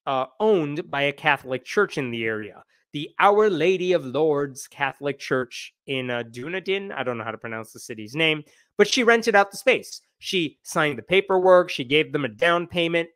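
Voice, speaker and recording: A man in his forties hosting a casual commentary livestream from a small room, animated and sarcastic, gesturing as he talks. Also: a little high, dry recording, studio quality. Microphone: wired earbuds with dangling mic and desk mic.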